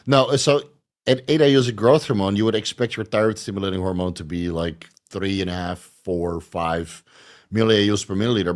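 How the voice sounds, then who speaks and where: Male livestream host, low-ish voice, talky and informal, reads chat and riffs on answers from home. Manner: reads out chat questions, then explains at length with fillers. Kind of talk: casual livestream Q&A.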